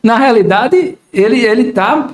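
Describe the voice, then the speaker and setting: An older man guesting on a casual podcast talks unhurriedly in an extremely high-pitched voice with lively intonation, in an echoey room. He reflects thoughtfully and explains by acting out everyday examples.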